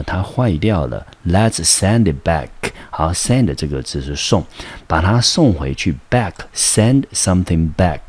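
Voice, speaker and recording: A man teaching English vocabulary and grammar in a recorded lesson, explaining slowly and carefully with frequent rhetorical questions, in Taiwanese Mandarin. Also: rumbling low, darkish tone, slightly rough. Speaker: high school English teacher.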